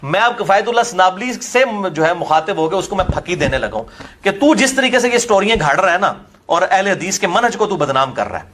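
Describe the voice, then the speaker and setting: Punjabi-accented male preacher, high-pitched, combative and mocking, fires questions at his listener. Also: big pitch swings, fairly bright tone. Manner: combative, mocking, drifts between Urdu and Punjabi. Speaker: religious speaker. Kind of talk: polemical religious lecture.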